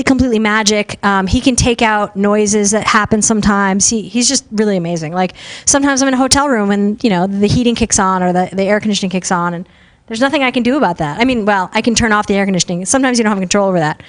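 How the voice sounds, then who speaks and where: A young woman giving a casual live talk at a conference, loud and talkative, with lots of fillers. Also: mid-range voice, fast talker. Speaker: conference speaker on podcasting. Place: conference room with a live audience.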